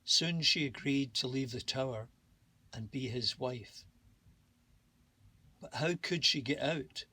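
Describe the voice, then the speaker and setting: A man narrating a children's bedtime story at an unhurried, gentle pace. His voice is bright with a slightly husky, breathy grain, and the reading stays calm and soothing. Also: medium pitch. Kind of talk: bedtime story read-aloud.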